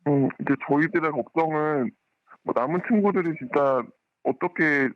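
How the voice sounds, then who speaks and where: A parent calling in anonymously, whose voice is disguised with a pitch-shifting voice changer, speaking hesitantly with many pauses. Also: no room sound, dull audio. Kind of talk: phone-in interview.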